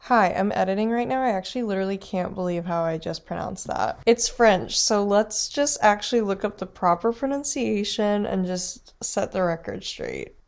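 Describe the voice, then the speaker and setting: Smooth-voiced chatty young woman vlogger. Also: mid-range voice, expressive, moderate pace, hardly any pauses. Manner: chatty, upbeat, thinking aloud. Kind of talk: casual travel vlog.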